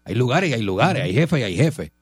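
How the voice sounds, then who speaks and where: A middle-aged man hosts a radio talk show in a Puerto Rican accent. He talks in a chatty, emphatic way, firing off rhetorical questions at a mid pitch. His voice is recorded dry and close, with no room sound. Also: very animated, fairly quick, husky, no echo. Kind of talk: casual radio banter.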